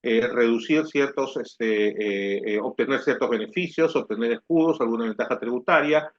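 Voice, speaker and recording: A man's voice: mid-range voice, normal speed, highs cut off. A man giving a recorded tax lecture, explaining step by step and checking that his students follow. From Peru. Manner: explanatory, repeats "¿ya?" to check understanding. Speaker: tax instructor.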